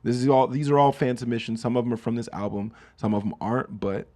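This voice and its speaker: A man's voice: mid-range voice, quick pace. A man hosting a solo podcast, riffing comedically on song lyrics in casual chat and acting out quoted lines. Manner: animated, riffing, mock-voices quoted lines. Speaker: podcast host.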